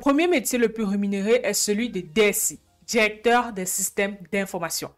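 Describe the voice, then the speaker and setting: A woman's voice: medium pitch, a little fast, faint music behind. A woman hosting an informal explainer, often posing questions to the viewer and answering them herself. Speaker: YouTube channel host.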